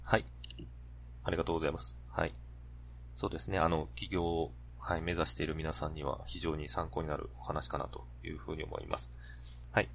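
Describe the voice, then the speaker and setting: A man's voice: very deep voice, little pitch movement, brisk, creaky. A man co-hosting a podcast, listening with short acknowledgements, then wrapping up the episode. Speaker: podcast co-host. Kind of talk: casual podcast talk.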